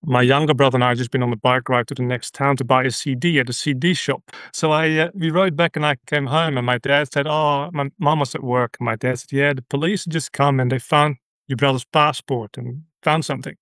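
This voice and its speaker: A man from the Netherlands with a Dutch accent, a ministry leader recounting his story as an interview guest in an earnest, halting way with many fillers. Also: mid-range voice, fairly even intonation, fairly bright tone, no room sound. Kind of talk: conversational interview.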